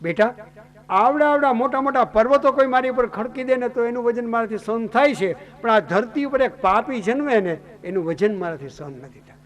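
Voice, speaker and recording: A man's voice: very high voice, expressive, moderate pace, pitched above the performer's own voice. A man voicing a grieving, motherly cow who stands for the earth, as part of a story sermon. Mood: sorrowful. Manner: sorrowful, motherly.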